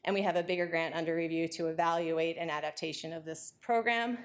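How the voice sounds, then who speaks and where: A woman giving an academic lecture, talking quickly and excitedly with frequent fillers and restarts. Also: low voice.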